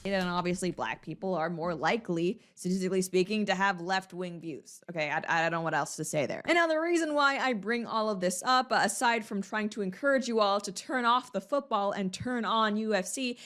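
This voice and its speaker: A woman's voice: medium pitch, expressive, fairly quick, few pauses, fairly bright tone. A woman hosting a commentary video, presenting a news story in a conversational way. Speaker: video host.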